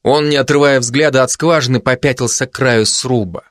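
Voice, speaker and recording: A man narrating a children's fantasy story in an even, expressive reading. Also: medium pitch, a little fast, dry recording, clean studio sound. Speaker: audiobook narrator.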